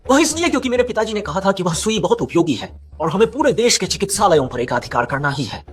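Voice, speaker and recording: A man's voice: high-pitched, sing-song, quick pace, breathy edge, full character voice. A man voicing an arrogant young corporate heir who speaks defiantly in a dubbed drama.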